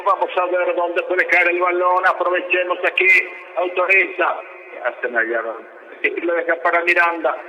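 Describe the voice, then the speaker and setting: A Paraguayan man doing breakneck, excitable live radio football commentary, with drawn-out cries and repeated words. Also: high voice, rough recording.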